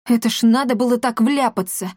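A woman's voice: on the high side, brisk, a little mellow, no room sound, clean studio sound, natural voice. A woman voicing a grumpy, sarcastic male talking cat in a storybook reading, grumbling and mocking.

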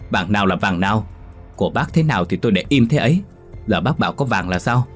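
A cruel, greedy old landlord bellowing in a harsh, domineering voice, as a male storyteller puts him on. The voice sits very low, and soft music plays under the audio-story reading. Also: lively intonation, fast talker, close to an everyday voice. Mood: shouting angrily.

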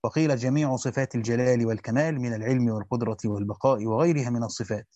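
A man with an Egyptian accent reads a Quran commentary aloud quickly as a teacher. He stops to explain grammar and quizzes his students. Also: mid-range voice, fairly even intonation, mellow, dry recording. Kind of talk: fast classical Arabic reading with colloquial explanations. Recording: dull lo-fi dry recording.

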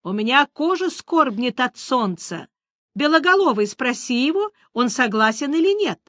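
A woman's voice: sits high, big pitch swings, normal speed, a bit bright, no echo, studio quality, voice pushed up. A woman voicing a capricious young female siren who squeals and complains in a singsong voice. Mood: indignant singsong.

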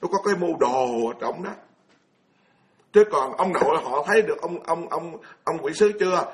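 A man's voice: on the high side, expressive, moderate pace. A man, giving a blunt, colloquial Buddhist sermon full of scolding rhetorical questions. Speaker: Buddhist monk lecturer.

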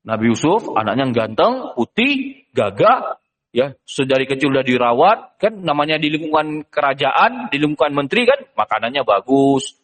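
A man teaching a religious lesson as a story, animated, asking rhetorical questions and filling with "ya". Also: on the high side, moderate pace, in a large hall.

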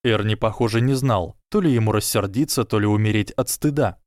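A man narrating a story aloud in a lively, expressive way. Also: on the low side, fairly quick, dry recording, studio quality. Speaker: audiobook reader.

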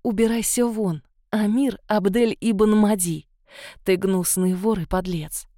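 A woman voicing a proud young female captive who shouts insults at her kidnapper. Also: medium pitch, steady tone, unhurried, dry recording, studio quality, lightly acted. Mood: defiant.

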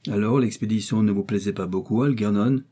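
A man voicing a polite, wealthy gentleman who speaks calmly and reassuringly, in a storybook reading. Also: lowish voice, a little fast, close to an everyday voice. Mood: courteous. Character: courteous wealthy older gentleman, calm and reassuring.

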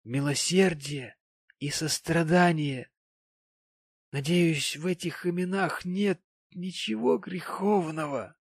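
A man putting on a drunk tearful self-important widower, higher voice, slurred, drawn out, dry audiobook. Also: takes it slowly, breathy edge, dry recording, exaggerated voice. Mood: maudlin. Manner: maudlin, slurred, pompous. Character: tipsy, tearful, sanctimonious male widower gentleman.

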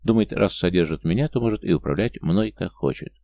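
A man's voice: deep voice, brisk, gravelly, dry recording, phone-quality sound. Man putting on a spoiled rich girl. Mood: grumbling. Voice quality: haughty, grumbling. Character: spoiled brash rich young woman.

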